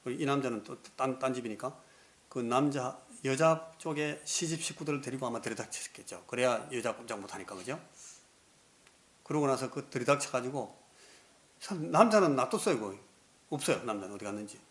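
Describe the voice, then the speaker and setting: A man's voice: mid-range voice, expressive, fairly quick, fairly bright tone. A male pastor preaching a sermon, telling the story vividly and acting out the scenes.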